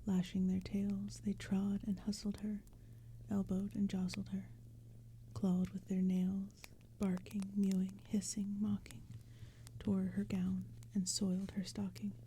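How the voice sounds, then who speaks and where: Whispering at a slow, measured pace, a woman reads poetry as ASMR, her medium-pitched voice breathy, very dark and mellow. The melody stays flat and gentle, and soft sounds of a crackling fire and the forest fill the background.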